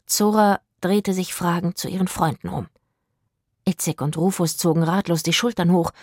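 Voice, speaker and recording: Brief: audiobook narrator, expressive, lowish, dry studio voice. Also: female voice, moderate pace, no room sound. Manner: expressive storytelling.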